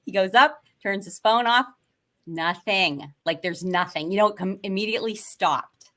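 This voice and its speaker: A woman co-host chats in a loose, rambling way, with plenty of fillers and small laughs. Her voice sits at an ordinary, middle pitch. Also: normal speed, pushed and bright. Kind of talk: casual chat.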